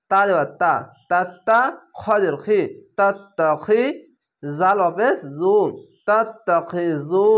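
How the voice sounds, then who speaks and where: Bengali-accented male Quran teacher, patient drawn-out syllable-by-syllable delivery. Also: high-pitched, a bit bright. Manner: slow, syllable by syllable, drawn-out vowels. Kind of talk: slow spelled-out recitation lesson.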